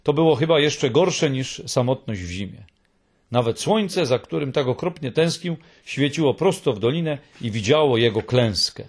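Expressive, husky male storybook narrator. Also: medium pitch, normal speed. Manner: expressive reading.

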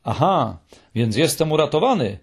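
A man voicing a small, excitable young male troll in a raised, eager voice, in an audiobook reading. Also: fairly high pitch, moderate pace, husky, full character voice. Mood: dreamy.

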